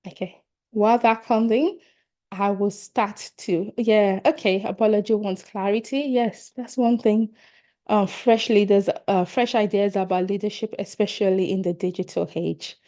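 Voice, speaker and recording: Speaking straight to her attendees on a video call, a middle-aged Nigerian-accented leadership coach runs an online workshop with earnest encouragement. Her mid-range voice is warm and steady, moving at a moderate pace.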